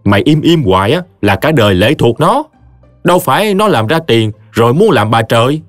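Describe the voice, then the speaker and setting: A man's voice: medium pitch, sing-song, a little fast, no echo, soft background music, pitched above the performer's own voice, lightly acted. A man voicing a stern male village teacher who lectures his friend scornfully. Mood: scolding.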